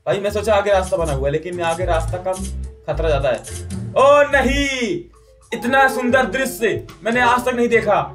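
A man giving jokey, excitable commentary over a mobile adventure game, yelping and protesting whenever his character dies. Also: high voice, fast, soft background music. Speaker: gaming YouTuber. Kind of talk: Hindi gameplay commentary.

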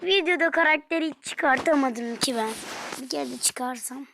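A young woman commenting on her own gameplay, dropping to whispers and then shouting in frustration. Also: sits high, fairly even intonation, unhurried, vocal fry, noisy background. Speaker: gaming streamer.

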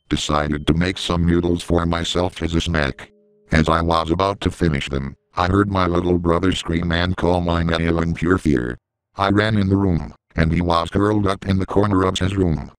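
A man narrating a scripted horror story in a deep, smooth and resonant voice. His delivery is steady and measured, and the recording is close and completely dry. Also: no echo, rough recording.

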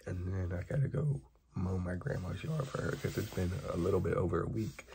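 A young man in his late teens chatting casually in a soft, close-up fast ASMR style, rambling and slangy, slightly under the weather. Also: sits low, vocal fry, rough recording. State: getting over an illness. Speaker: ASMR video maker. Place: bedroom, indoors. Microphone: close, at arm's length from camera. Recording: loud noise of clicks and handling.

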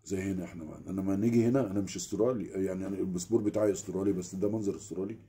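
A man's voice: low-pitched, rapid-fire. A man with an Egyptian accent telling a story in a casual rant, keeps asking the listener whether they follow, speaking from a small room at home. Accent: Egyptian Arabic. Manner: animated, keeps asking the listener "you get it?". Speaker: vlogger.

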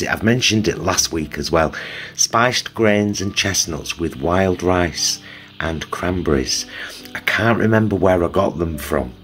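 A middle-aged man with a Northern English accent hosts a homely food vlog, chatting casually and affectionately and calling his viewers "loves." His voice is low with a fairly bright tone.

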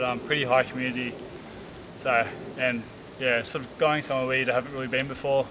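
Rambling Australian guy in the bush. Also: mid-range voice. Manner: relaxed, rambling, many fillers and restarts. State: tired after a hot hike. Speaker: bushcraft vlogger. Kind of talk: casual outdoor explanation to camera. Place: outdoors in the bush by rocks. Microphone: camera on a tripod a few metres away. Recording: outdoor camera audio with steady hiss.

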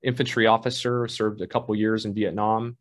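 A man in his fifties from Southern California, an army colonel speaking as a guest over a video call from his office, measured and formal with occasional fillers. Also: lowish voice, level tone.

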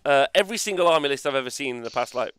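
A man hosting a casual gaming podcast, rambling and animated, with mock-outraged banter. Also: mid-range voice, rapid-fire, clear, resonant tone, no room sound, clean studio sound. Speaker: host.

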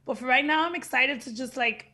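A high, fairly quick voice with a sharp tone and a breathy edge belongs to a young Dominican-heritage actress guesting on a casual podcast by video call. Her English has a Dominican Spanish tinge; she talks frankly and emphatically, swearing at times, from an indoor room with a plain backdrop.

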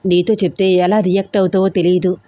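A woman voicing a sad, loyal young female friend in a storybook audio drama, speaking gently and tearfully. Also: on the low side, level tone, quick pace, no echo, natural voice. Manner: gentle, teary.

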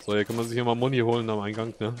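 Racing along in a level, slightly mellow mid-range voice, the young man cracks jokes and speaks colloquially as he narrates co-op gameplay for his Let's Play. There's video game ambience and a bit of background noise in the mix.

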